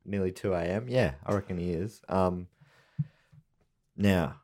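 A man's voice: low voice, unhurried, darkish tone. A man co-hosting a podcast, playful and mock-serious, stumbling over long words as he reads. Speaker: podcast co-host. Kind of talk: casual comedic chat.

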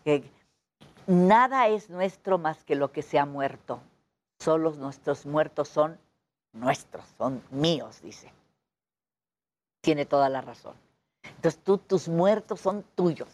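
A woman with a low voice and a Mexican accent, chatting as a guest. She tells her stories with feeling and acts out the dialogue. She sounds middle-aged. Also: takes it slowly, long pauses. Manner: chatty, animated storytelling with quoted dialogue. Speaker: guest performer. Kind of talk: casual interview chat.

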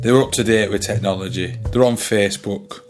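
Man, thirties, low pitch, jokey casual chat, soft background music. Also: fairly quick. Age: 30s. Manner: chatty, jokey, keeps asking "do you know what I mean". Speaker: podcast co-host.

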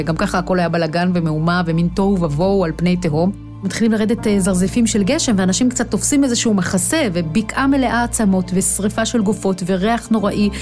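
A woman's voice: medium pitch, a little mellow. A woman in her thirties, a guest telling an emotional personal story in a vivid, dramatic way, acting out her own cries. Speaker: guest, Chabad emissary.

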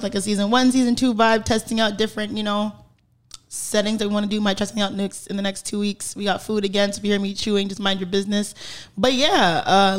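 A young woman hosting a casual podcast chat, animated and teasing, often laughing as she talks. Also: medium pitch. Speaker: podcast host.

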